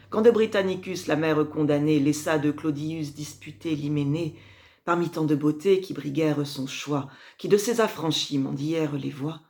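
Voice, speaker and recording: In a low, creaky voice, a woman plays a proud, scheming Roman empress mother reproaching her son. The monologue comes from a French classical verse tragedy, delivered in a measured, declamatory style that moves between hushed drops and emphatic swells, with an imperious, proud mood.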